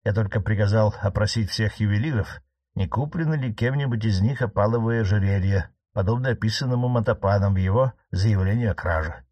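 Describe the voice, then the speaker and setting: A man's voice: fairly low pitch, brisk, dry recording, lo-fi sound, close to an everyday voice. A man reading an audiobook, voicing an earnest young investigating judge who grows unsettled.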